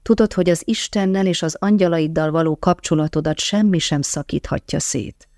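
Gentle archangel, male, soft and unhurried, read by a woman narrator, dry studio sound. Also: sits low, no room sound. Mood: gentle, consoling.

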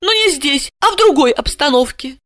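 A woman voicing a nervous young woman in an audiobook, with a high, piping, pleading manner. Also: lively intonation, moderate pace, fairly bright tone, dry recording, studio quality. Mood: flustered. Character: nervous young woman Asya, squeaky and flustered. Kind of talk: audiobook character voice.

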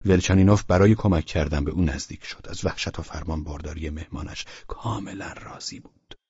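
A man narrating an audiobook in an expressive storytelling manner. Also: sits low, husky, dry recording, muffled recording. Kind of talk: scripted narration.

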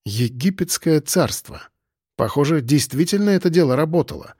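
Brief: male narrator, higher-pitched, musing conversational audiobook reading, dry studio sound. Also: expressive, moderate pace, warm tone, breathy edge, no room sound. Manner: conversational first-person telling, musing.

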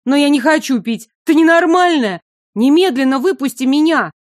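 Audiobook bit part: woman narrator doing a sugary-sweet young maid who turns crude and spiteful, pitched up, no room sound. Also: measured pace, no room sound, clean studio sound, natural voice. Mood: indignant. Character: coarse scheming young serving girl, secretly a bandit.

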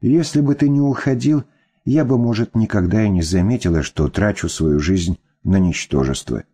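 A man's voice: lowish voice, moderate pace, mellow, breathy edge. A man voicing a weary, embittered woman, an ex-wife and mother who speaks firmly and with scorn. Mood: scornful. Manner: firm, scornful.

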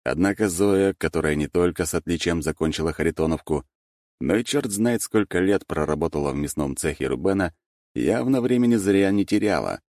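A man's voice: deep voice, animated, a little fast, a little mellow, no echo, studio quality. A man narrating a story expressively as an audiobook reader. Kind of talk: scripted narration.

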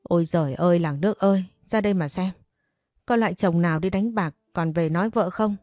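A woman voicing a furious, wailing middle-aged mother who scolds and curses in a shrill way, read as an audiobook story. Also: brisk, a little mellow, dry recording, close to an everyday voice.

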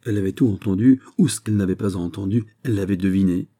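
A man reading a classic novel aloud as an audiobook narrator, in a measured, steady way. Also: lowish voice. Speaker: audiobook reader. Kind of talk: scripted narration.

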